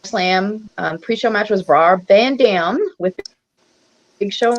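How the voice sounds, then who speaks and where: A woman's voice: medium pitch, slow, dry recording, lo-fi sound. A woman casually reading out wrestling results as a podcast co-host over a video call, her voice breaking up on a bad connection. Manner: reads off lists with fillers and asides. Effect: dropping in and out over a bad online call connection. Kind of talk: casual wrestling history recap.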